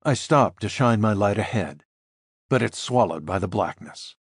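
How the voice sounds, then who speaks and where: Husky-voiced man narrating a thriller. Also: fairly low pitch, expressive, normal speed, no room sound, clean studio sound. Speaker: audiobook narrator. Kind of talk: first-person thriller narration.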